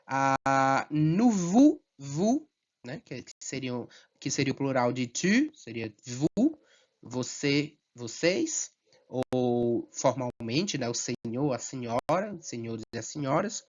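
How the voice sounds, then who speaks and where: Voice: mid-range voice, animated. Professor paciente e lento. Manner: slow, patient, checks in often with "tá certo?". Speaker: French teacher. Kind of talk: language lesson. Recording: slightly dull lo-fi sound.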